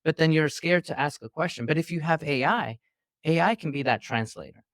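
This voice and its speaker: Slightly fast and a bit bright, this man's higher voice comes through clean, studio-quality, and echo-free. He's a New York City physician guest on a video call indoors, patiently and at length explaining his interview answers like a teacher.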